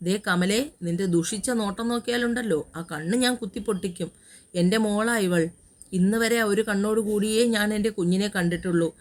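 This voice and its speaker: Woman doing a protective older uncle, fatherly, gentle reassuring talk, audio story, mid pitch. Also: brisk, natural voice. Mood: angry.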